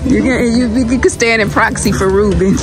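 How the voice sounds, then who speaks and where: A chatty woman films her own casual vlog out of doors, speaking right to the camera at a middling pitch. Music plays clearly behind her. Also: steady tone, a little fast. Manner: chatty, folksy, addresses viewers directly. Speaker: vlog host. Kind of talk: casual travel vlog chat. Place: outdoors at a farmers market.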